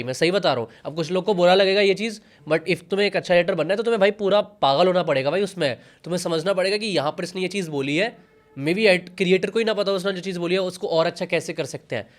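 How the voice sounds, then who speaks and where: A man guesting on a casual podcast, giving emphatic, lecturing advice and often dropping English phrases. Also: sits high. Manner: emphatic, lecturing, keeps saying "bhai" and "theek hai?". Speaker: podcast guest, content creator.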